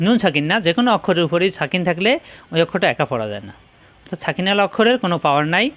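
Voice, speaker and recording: A man teaching Quran reading in a spoken lesson, patiently repeating each letter sound slowly for practice. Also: sits high, fairly bright tone. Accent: Bangladeshi Bengali.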